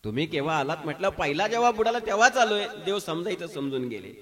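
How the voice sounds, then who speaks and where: A man's voice: a little high, very animated, fast, bright, forceful tone. A man with a Marathi accent preaching a devotional sermon at a temple gathering, telling stories with humor and emphatic exclamations. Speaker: kirtan preacher.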